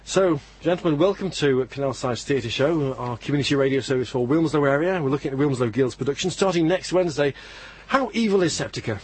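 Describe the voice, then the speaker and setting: A male community radio host with a husky, slightly high voice. He chats and jokes easily with his guests, laughing often. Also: animated, quick pace, hardly any pauses, darkish tone. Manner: chatty, jokey, laughs often.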